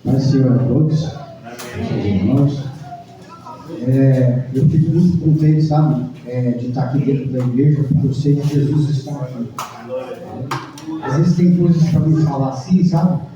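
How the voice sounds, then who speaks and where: A man's voice: medium pitch, normal speed, a crowd in the background. A man giving a personal testimony at a Sunday church service, speaking hesitantly and repeating his words. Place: church hall. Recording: echoey church hall, far from mic, dull.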